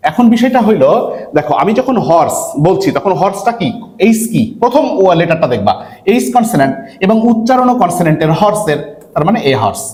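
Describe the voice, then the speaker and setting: A man from Bangladesh teaching an English admission-test lesson online, who asks his students questions, answers them himself and repeats words slowly. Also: sits high, big pitch swings, a little mellow. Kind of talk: online lecture.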